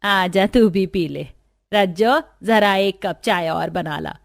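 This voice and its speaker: A woman voicing an easygoing middle-aged mother who talks slowly and plainly. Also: medium pitch, creaky. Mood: relaxed.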